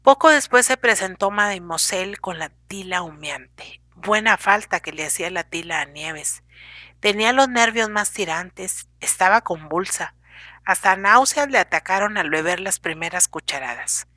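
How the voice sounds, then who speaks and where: A woman reading a novel aloud in measured storybook narration. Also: medium pitch, animated, sharp tone, dry recording. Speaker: audiobook narrator. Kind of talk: scripted narration.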